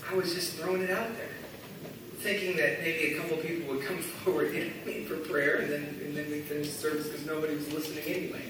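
A man with a high voice tells a story from a church stage, rambling and animated, full of restarts. He sounds far from the mic in a very echoey hall, with clear noise behind. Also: fast talker. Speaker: guest speaker. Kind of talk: live sermon storytelling.

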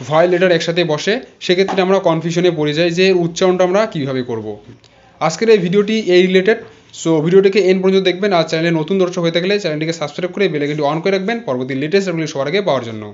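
A man's voice: on the high side, highs cut off. A man teaching English spelling and pronunciation, spelling words out letter by letter and repeating each sound. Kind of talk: explanatory lesson.

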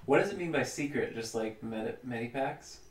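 A co-host watching a video game and chatting casually, with relaxed, teasing comments. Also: mid-range voice, brisk, roomy sound, far from the mic. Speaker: let's play co-host. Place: home room with a cat.

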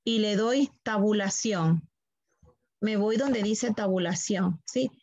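A woman's voice: mid-range voice, slow, a little mellow, no room sound, highs cut off. A woman teaching a computer class online, walking students through steps patiently, repeating them and checking that they follow.

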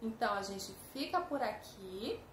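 A woman with a Brazilian Portuguese accent teaching a first-grade lesson, slowly sounding out syllables for young children. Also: mid-range voice, expressive. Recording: echoey room with faint ambient noise.

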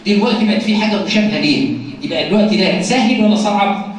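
Egyptian man teaching phonics, quick, higher-pitched delivery, sing-song rhetorical questions, recorded from a distance in a very echoey room. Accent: Egyptian Arabic. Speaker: teacher trainer. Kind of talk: classroom phonics lesson.

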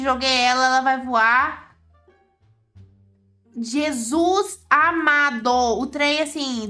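A woman's voice: high-pitched, pushed and bright. A woman with a Brazilian Portuguese accent giving chatty, exclaiming gameplay commentary to her viewers as the host of a gaming channel.

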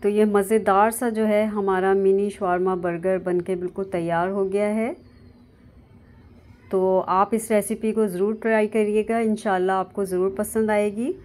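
A woman hosting a cooking channel with a Pakistani Urdu accent, calmly narrating a recipe step by step in a voice-over. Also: medium pitch, unhurried. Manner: calm step-by-step instructing.

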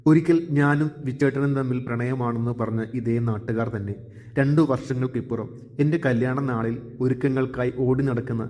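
A man narrating a scripted first-person story in a steady, earnest way. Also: mid-range voice, a little fast. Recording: long hall reverb.

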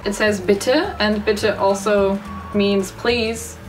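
A young German woman in her twenties, a YouTuber with a German accent, chats casually in a language-learning vlog from her bedroom, being chatty and self-mocking as she sounds out foreign words slowly. Her mid-range voice is steady but distant, picked up by a studio mic off camera. The recording is rough, with faint music behind.

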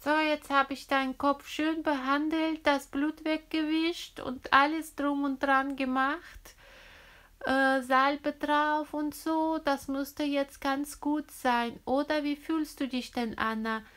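A woman voicing a calm, brisk female emergency doctor in a children's toy-figure story, soothing and reassuring. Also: high voice.

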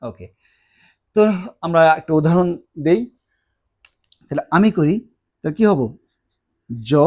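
Bengali-speaking guy teaching spanish online, slow and patient, says every verb form twice. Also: mid-range voice. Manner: slow, repetitive drilling of verb forms. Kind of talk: online language lesson.

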